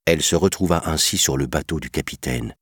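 A man narrating a children's storybook in an expressive, measured way. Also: very deep voice, no room sound, studio quality. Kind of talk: storybook reading.

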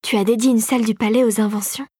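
Woman doing a hushed older male inventor. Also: on the high side, steady tone, quick pace, husky, no room sound, clean studio sound. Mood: surprised. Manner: softer and hushed, often murmured. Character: older male inventor and mentor, gentle and wondering. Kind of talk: audiobook character voice.

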